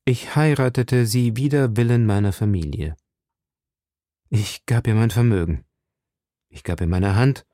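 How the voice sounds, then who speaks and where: A male reader voicing a grave nobleman who speaks in a solemn, measured way, pitched low. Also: mellow, dry recording, studio quality, natural voice. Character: grave older nobleman, trembling with resolve.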